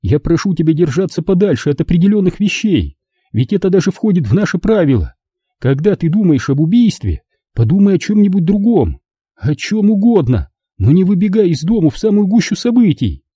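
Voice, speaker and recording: A shrill, high mother's voice that scolds and pleads in turn, swinging wildly in pitch, as a man reading an audiobook puts her on. The tone stays husky and dark underneath. The recording is dry and close. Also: very animated, fairly quick, dry recording, full character voice. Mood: pleading. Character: frightened angry mother, middle-aged woman.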